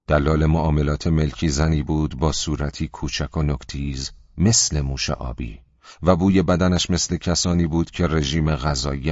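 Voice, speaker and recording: Reading scripted audiobook narration, a man with an extremely deep voice keeps a steady, measured delivery. There's no room sound at all in this dry recording, which comes across slightly dull and lo-fi.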